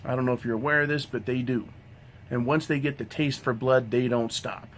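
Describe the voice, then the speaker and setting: A man delivers a profane, combative rant straight to the camera. He swears almost constantly and keeps tagging "right?" onto his sentences, at an ordinary, mid-range pitch. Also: fairly even intonation, fairly quick, a little hiss or hum. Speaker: vlogger. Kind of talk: ranting monologue.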